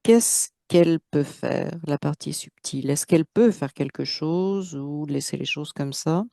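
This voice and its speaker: A woman acting as the operator of a channeling session, guiding with short questions and quick affirmations. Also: low-pitched, vocal fry, dark tone, no room sound, studio quality.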